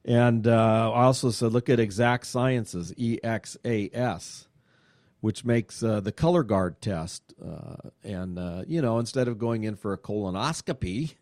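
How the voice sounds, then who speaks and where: A man hosting a radio show, chatting in a casual way, excitable and full of fillers. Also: fairly low pitch, unhurried, no echo, studio quality. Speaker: radio show host and money manager.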